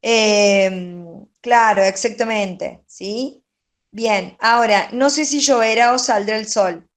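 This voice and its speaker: Patient teacher, unhurried, mid-pitched woman going over exercises. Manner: patient, checks in with "¿sí?". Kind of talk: grammar lesson, going over answers. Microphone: online class.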